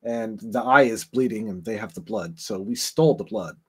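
A podcast guest with a lowish, slightly mellow voice and a breathy edge talks at normal speed about game lore. He rambles and hesitates while laying out his theories, full of fillers and restarts.

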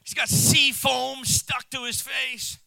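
A male missionary preacher delivering a sermon, telling the story with animation, chuckling between points and swinging into shouts. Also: extremely high pitch, level tone, slow pace, creaky, rough recording.

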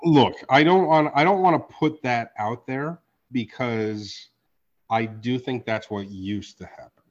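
Animated, profane man on a podcast. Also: unhurried, muffled recording. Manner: animated, profane, swings from loud outbursts to low asides. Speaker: podcast host and card artist. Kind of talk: casual podcast chat.

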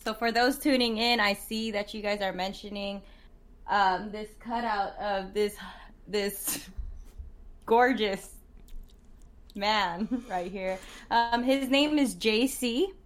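A woman co-hosting a live-streamed chat show. Her voice sits at an average pitch, and she teases her co-host and laughs easily. She reads viewer comments aloud between topics. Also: slow pace. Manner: teasing, laughing often.

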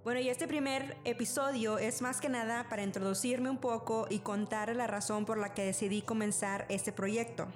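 A woman's voice: on the high side, fairly even intonation, moderate pace, few pauses. Brief: young woman, easy chatty podcast monologue, faint music underneath. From Mexico, raised in the Rio Grande Valley of Texas. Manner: chatty, many fillers like "o sea" and "pues". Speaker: podcast host. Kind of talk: casual personal monologue.

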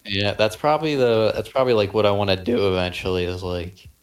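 A man's voice: fairly low pitch, steady tone, fairly quick. A young man co-hosting a podcast, rambling and hesitant, his voice cracking now and then. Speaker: podcast co-host. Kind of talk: casual chat.

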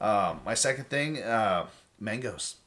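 A man's voice: fairly low pitch, animated, takes it slowly, a bit bright. A man chatting casually and bluntly, with heavy swearing. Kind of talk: casual chat.

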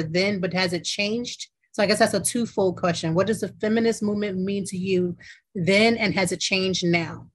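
Earnest American woman hosting an interview. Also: medium pitch. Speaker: interview host. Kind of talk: casual conversational interview.

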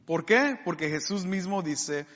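A man delivers a sermon in a high voice. He preaches slowly and emphatically, stretching out the words he stresses. The recording sounds dull and muffled, with a long hall reverb. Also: lively intonation, a bit bright. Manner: emphatic, drawing out key words.

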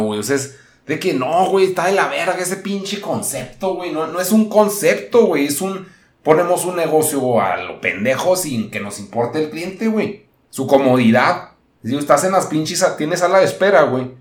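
Profane northern Mexican podcast host. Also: male voice, fairly high pitch, echoey room. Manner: profane, slangy, rambling. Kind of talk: casual comedic rant.

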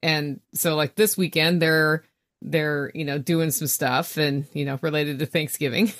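Lower-voiced woman chatting from inside a small trailer. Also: fairly even intonation, unhurried, fairly bright tone. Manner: informal, chatty, plain-spoken. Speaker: podcast guest, homesteader. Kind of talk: casual conversational interview. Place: inside a small camper trailer used as studio.

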